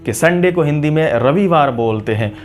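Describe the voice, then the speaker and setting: A man's voice: a little high, lively intonation, faint music behind. Formal male teacher, drilling pronunciation. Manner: slow, repeats each word for pronunciation drills; formal, courteous address to viewers. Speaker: spoken English teacher. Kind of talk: lesson for a video channel.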